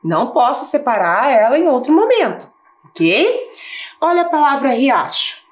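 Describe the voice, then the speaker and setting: A Brazilian woman teaches a recorded class for children. Her fairly high voice swings up and down a great deal as she asks questions and patiently drags out each syllable. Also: very animated. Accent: Brazilian Portuguese. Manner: patient, rising question-and-answer tone, slows to spell out syllables. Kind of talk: recorded lesson for schoolchildren.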